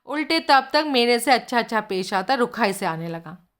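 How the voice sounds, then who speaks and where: A woman's voice: fairly high pitch, lively intonation, normal speed, fairly bright tone. A woman voicing a blunt, streetwise middle-aged male informant who tells gossip in slangy speech. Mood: gossipy.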